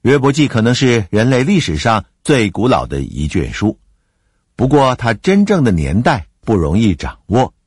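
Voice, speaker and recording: A man with a slightly husky voice teaches the Bible, his pitch leaping up and down as he stresses his points. The sound is dry and close, with no room around it. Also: huge pitch swings, normal speed, no room sound. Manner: explanatory, emphatic, with occasional fillers and laughs.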